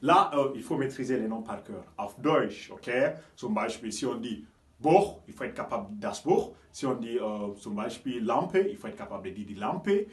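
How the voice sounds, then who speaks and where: A man's voice: mid-range voice, animated, moderate pace. Teacher man in a roomy echo. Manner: repetitive, checks understanding with frequent "ok?"; stresses German example words, drops off at phrase ends. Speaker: German teacher. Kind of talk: classroom-style grammar lesson. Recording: roomy echo, mic at a distance.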